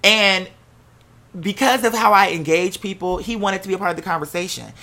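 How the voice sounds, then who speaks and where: A casual storyteller with an American accent recounts personal drama to listeners in a bright, forceful, mid-pitched voice. The telling is brisk, candid and animated, laced with swearing, and he acts out the quoted remarks as he goes.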